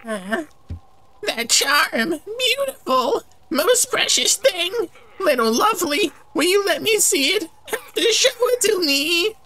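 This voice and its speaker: A man's voice: very high voice, sing-song, slow pace, sharp tone, voice pushed up, exaggerated voice, low-quality recording. A man voicing a greedy, fawning female creature that eats gifts, with a purring, warbling, sob-like delivery. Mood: greedy cooing. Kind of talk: game character voice during a let's play.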